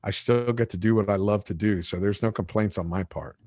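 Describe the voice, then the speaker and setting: A man's voice: lowish voice, brisk, no room sound, clean studio sound. A man in his late forties hosting a fishing talk show, chatting casually and joking, acting out quotes in his stories. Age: 40s. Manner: animated joking storyteller with acted-out quotes. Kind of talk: casual live-stream chat.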